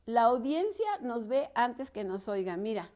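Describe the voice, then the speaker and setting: A woman with a Mexican Spanish accent teaches a preaching class in a chatty, conversational way. She speaks to her listener directly and often restarts her sentences. Her voice sits a little high for a woman. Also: very animated, a little slow, darkish tone. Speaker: preaching instructor. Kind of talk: casual spoken lesson.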